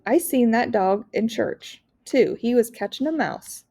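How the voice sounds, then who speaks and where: Lady doing a chatty wistful little kid girl in a storybook, childish grammar, soft mellow tone. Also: fairly high pitch, measured pace, gravelly, voice pushed up. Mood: wide-eyed longing. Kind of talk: storybook read-aloud character voice.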